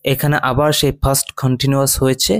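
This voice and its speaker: A man teaching English line by line in Bengali, reading English slowly and often checking "ঠিক আছে?". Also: mid-range voice, level tone, no room sound. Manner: reads English phrases slowly, then explains in Bengali.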